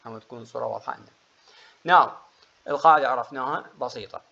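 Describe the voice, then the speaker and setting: Man, English teacher, online class, patient explanations, mid-pitched voice, slightly dull lo-fi audio. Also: very fast, vocal fry, bright, forceful tone. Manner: explains grammar rules patiently, calls on students by name.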